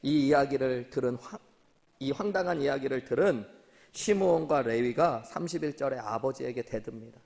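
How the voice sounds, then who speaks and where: A man's voice: mid-range voice, moderate pace, creaky, darkish tone. A male pastor preaching a sermon in a church sanctuary, telling a story and speaking directly to the congregation. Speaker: senior pastor. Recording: long hall reverb.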